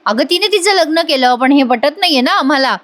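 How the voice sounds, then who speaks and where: A woman's voice: sits high, expressive, a little fast, a bit bright, pitched above the performer's own voice. A woman voicing a middle-aged family man who speaks reproachfully.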